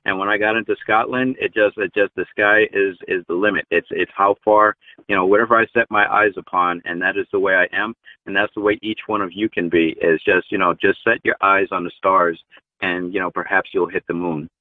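This deep-voiced man in his forties is a truck driver appearing as a guest over video call, chatting earnestly in a casual interview and using plenty of fillers. He talks a little fast in a steady tone, with no echo, though the sound is tinny like a phone line.

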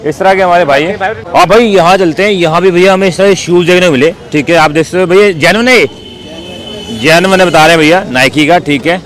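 A man walks through an outdoor street market vlogging, upbeat and chatty, asking sellers about prices and repeating "bhai" and "theek hai." His voice sits high, a little fast and fairly bright. The audio is poor, with crowd chatter and traffic behind him.

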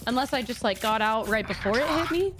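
High-pitched young woman streaming games. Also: a little fast, background noise. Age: young adult. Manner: expressive, chatty. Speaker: game streamer. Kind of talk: casual gaming commentary. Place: indoor home streaming room. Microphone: close desk microphone on arm, headset on.

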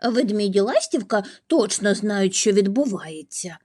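A woman's voice: medium pitch, lively intonation, unhurried, darkish tone, husky. Woman doing Charlie, a puzzled little crow. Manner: bewildered, earnest.

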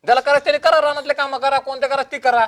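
A man's voice: very high-pitched, little pitch movement, rapid-fire, a bit bright. A man as a whiny, bossy young husband. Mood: petulant. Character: petulant young husband demanding divorce. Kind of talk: comedy sketch acting.

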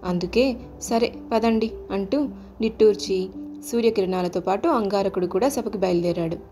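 Mellow-voiced woman storyteller. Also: mid-range voice, normal speed, slight background noise. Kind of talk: scripted storybook narration. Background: faint music.

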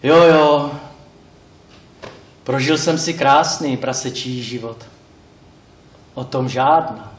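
A man playing a talkative, wistful male pig who rambles, corrects himself, speaks straight to the audience and bursts into indignant shouts, on a theatre stage. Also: medium pitch, pauses often, distant mic, a little hiss or hum, lightly acted. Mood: rueful. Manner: rambling, self-correcting, addresses the audience directly. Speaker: stage actor. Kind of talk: live stage monologue. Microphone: distant room mic. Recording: roomy live stage recording from afar.

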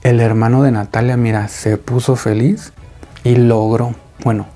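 A man tells a story in a relaxed, conversational way and often speaks straight to his listeners. His voice sits at a middle pitch with a mellow, darker tone. Quiet music plays faintly underneath him. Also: measured pace. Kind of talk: storytelling narration. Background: faint background music.

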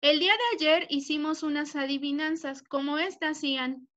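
A high, bright-toned young woman teaching children over a video call. She talks slowly and patiently, spells out words and keeps asking if everyone follows. The audio is dull and lo-fi, like a computer mic. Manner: affectionate with pupils. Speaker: primary school teacher. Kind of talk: online class instruction.

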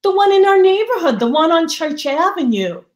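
Woman doing a high shrill young mom, fake-flustered, echoey room. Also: big pitch swings, moderate pace. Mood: eager. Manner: high-pitched theatrical dismay. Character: flustered young mother fibbing to staff.

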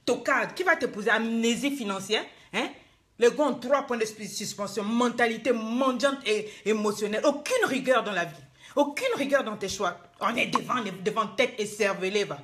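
A woman's voice: fairly high pitch, moderate pace, fairly bright tone. A woman life coach, scolding her viewers in a live-streamed motivational talk, emphatic and full of rhetorical questions.

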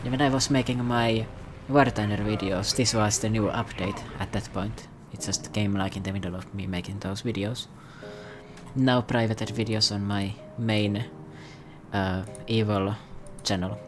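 A man's voice: on the low side, steady tone, measured pace, over music. A man giving casual, self-mocking, rambling commentary over his gameplay. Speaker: gaming commentator.

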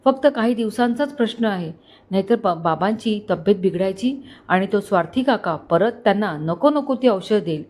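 A young woman on the run, as a woman narrator reads her, brooding over her worries in a low, anxious voice. She sounds resentful and worried. It is read in an audio storybook. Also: expressive, moderate pace, darkish tone, lightly acted.

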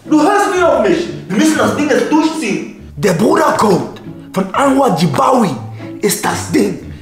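A man acting as a loud, bossy best friend in a comedy sketch, scolding and repeating himself. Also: very high voice, very animated, measured pace, exaggerated voice. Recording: echoey room with loud music.

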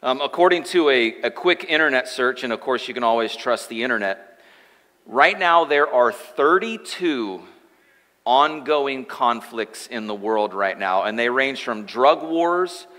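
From a church stage, a man in his thirties preaches a sermon, joking and chatting with the congregation in asides. His medium-pitched voice is expressive, bright, and forceful, unhurried in pace, with long hall reverb filling the sanctuary.

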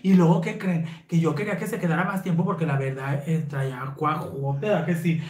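A woman's voice: low voice, fairly even intonation, brisk, reverberant, background noise. A woman with a Mexican Spanish accent, telling raunchy stories to her viewers in a brassy, slangy manner and laughing often. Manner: brassy, slangy, laughing, addresses listeners as sisters. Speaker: host. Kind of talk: raunchy casual storytelling to viewers.

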